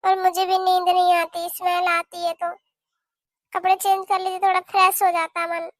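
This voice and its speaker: A woman's voice: very high-pitched, completely flat delivery, moderate pace, dry recording. A woman voicing a young new mother in a cartoon who is recovering at home and pleads for help in a plaintive way. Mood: pleading. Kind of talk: cartoon voice acting.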